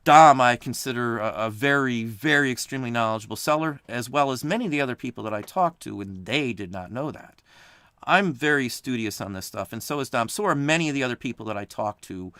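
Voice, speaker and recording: A man's voice: medium pitch, expressive, brisk, fairly bright tone, clean tone, no room sound. A man hosting a reseller channel, talking casually on a livestream in a rambling way, often repeating himself. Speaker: channel host.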